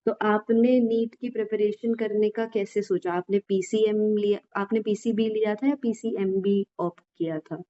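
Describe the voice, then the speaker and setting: A woman podcast host asks casual interview questions in a medium-pitched, dark voice, unhurried and steady, with hardly any pauses. She encourages her guest with frequent agreeing murmurs, and the audio sounds dull and lo-fi.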